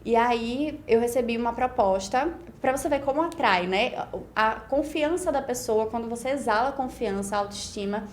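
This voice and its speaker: A woman's voice: on the high side, moderate pace, hardly any pauses, slight background noise. Young Brazilian woman, reflective podcast guest. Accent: Brazilian Portuguese, Pernambuco. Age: 20s. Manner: reflective, talks in long run-on stretches with frequent "né?". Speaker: guest, beauty pageant winner. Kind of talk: casual podcast interview.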